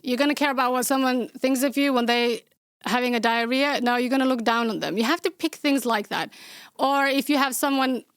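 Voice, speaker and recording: Hosting a relaxed question-and-answer podcast, a young Somali-accented woman with a fairly high voice is blunt and outspoken, adding dry sarcasm as she goes. She talks fairly quickly in a bright, clear, resonant tone, and the close, dry audio has no echo.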